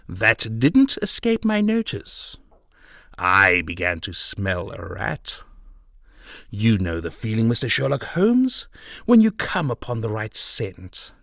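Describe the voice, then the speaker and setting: A man's voice: fairly low pitch, fairly bright tone, no echo, studio quality, full character voice. A man voicing a boastful, self-satisfied police detective in an audiobook, with a gleeful, bragging manner. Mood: confiding. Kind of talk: audiobook character voice.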